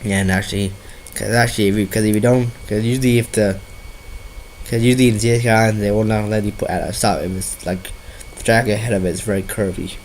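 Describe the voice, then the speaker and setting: A man with a low voice, made nasal and stuffy by a bad cold. He talks in a rambling, halting way, often restarting sentences mid-thought. Faint noise sits behind him. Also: fairly even intonation, a little mellow, poor audio. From Washington State, US. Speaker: video creator. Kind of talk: casual gameplay commentary.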